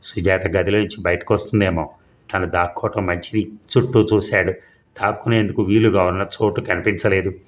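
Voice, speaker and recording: Deep-voiced man narrating a suspense story. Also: brisk. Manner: steady storytelling, briefly voicing characters' lines.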